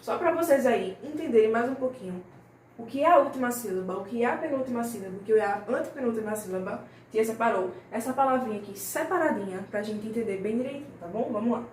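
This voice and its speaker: A woman teaching young children in a recorded lesson, her voice a little high and patient. She draws example words out slowly and checks in often. The sound is roomy and set back from the mic, with a faint hiss underneath. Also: expressive, darkish tone, distant mic. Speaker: primary school teacher. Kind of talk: recorded remote class lesson.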